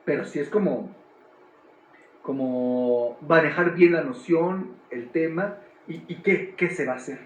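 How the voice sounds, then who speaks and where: Male director, fairly high voice, searching explainer, reverberant room. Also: unhurried. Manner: thoughtful, restarts often while explaining. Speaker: theater director and adapter. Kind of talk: explaining in a talk. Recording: echoey room.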